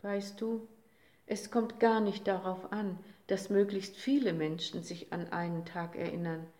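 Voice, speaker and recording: Woman as a gentle, comforting mother day. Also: on the low side, steady tone, measured pace, close to an everyday voice. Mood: consoling. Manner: soft, consoling. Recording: roomy echo.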